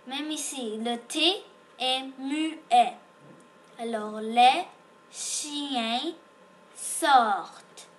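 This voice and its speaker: Slow, patient woman teaching reading. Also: high-pitched, slight background noise. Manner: sounds out letters patiently, repeats each word. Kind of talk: slow beginner reading lesson.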